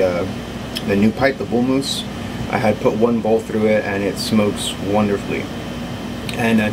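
A man in his thirties hosting a casual, unscripted chat to camera, pausing often as he talks. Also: lowish voice. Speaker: video host, pipe maker. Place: small indoor cluttered workshop. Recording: steady background hum and noise.

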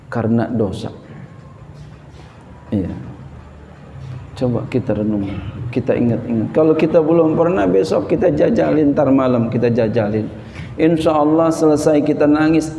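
A man's voice: mid-range voice, mellow. A man preaching a sermon in a conversational way, quoting scripture and explaining it in plain terms. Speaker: Islamic preacher. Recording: long hall reverb with faint background noise.

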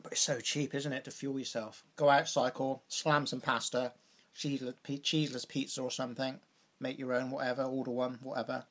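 A man's voice: medium pitch, flat delivery, a little fast, fairly bright tone. Young brit guy chatting while he eats, rambly, says like and you know a lot. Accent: British. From Britain. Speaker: vlogger. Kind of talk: casual chat while eating.

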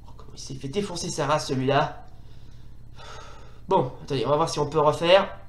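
A man giving live commentary on a retro fighting game, hesitant and full of fillers, bursting into excited exclamations during the fights. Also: a little high, a little fast. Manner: hesitant, many fillers and restarts. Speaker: retro gaming video host. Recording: roomy echo.

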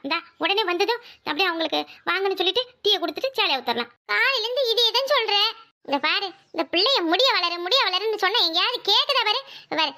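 A woman voicing a loud, bossy village aunt in a cartoon who teases her niece, with a Tirunelveli Tamil accent. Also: very high voice, full character voice. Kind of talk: cartoon voice acting.

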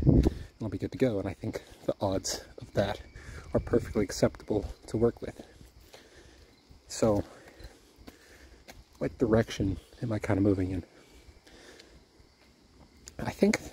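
Man, out of breath, rambling casual vlog, low mellow voice, faint outdoor hiss. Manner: rambling, thinking aloud with restarts. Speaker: YouTuber. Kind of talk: casual vlog while walking. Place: outdoors at night on a walk.

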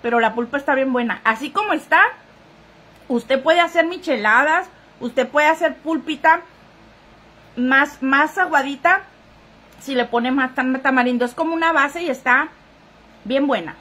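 High-voiced woman gossiping live. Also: a little slow, long pauses, fairly bright tone. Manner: chatty, talking straight to viewers. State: sniffly, runny nose. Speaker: live-stream gossip host. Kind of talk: casual chat reading viewer comments.

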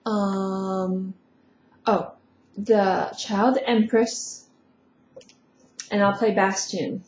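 A woman's voice: medium pitch, steady tone, drawn-out words, darkish tone, reverberant, dull audio, slight background noise. A woman casually retelling movie scenes with offhand, sarcastic asides. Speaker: vlogger.

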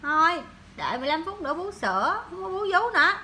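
Very high-pitched cooing mother. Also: very animated, fast, bright, forceful tone, a little hiss or hum. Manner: coaxing, cooing, sing-song questions. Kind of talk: baby talk to her infant.

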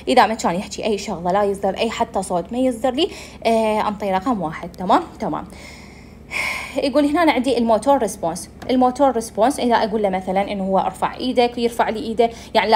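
A woman's voice: medium pitch, darkish tone, a little hiss or hum. A young woman with an Iraqi Arabic accent giving a medical lecture, explaining step by step and answering her own questions.

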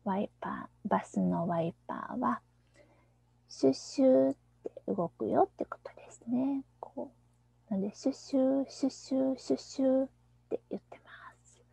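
A woman teaching a children's English song, explaining softly, often in a near-whisper, and reading the lyrics slowly and deliberately. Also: high-pitched, creaky, breathy edge, dry recording. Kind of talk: screen-shared lesson on a children's song.

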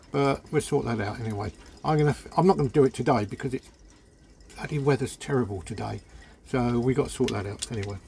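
A man's voice: fairly high pitch, creaky, darkish tone, slightly rough. An older man talking casually to camera about his boat gear, chatty and rambling, stumbling and repeating words as he goes, filmed on a phone in a small boat cabin. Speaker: sailing vlogger. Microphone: phone camera at arm's length.

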